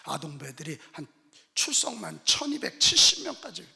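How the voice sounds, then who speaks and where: A middle-aged male pastor preaching with animated emphasis, acting out the stories he tells, in a prayer retreat chapel. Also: fairly high pitch, normal speed, vocal fry. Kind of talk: sermon. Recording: echoey hall.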